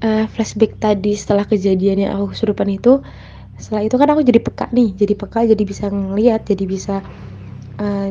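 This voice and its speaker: A woman's voice: medium pitch, dark tone. A young woman guest telling her own experiences in casual, chatty storytelling, with lots of fillers and self-corrections. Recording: dull, lo-fi sound with faint noise.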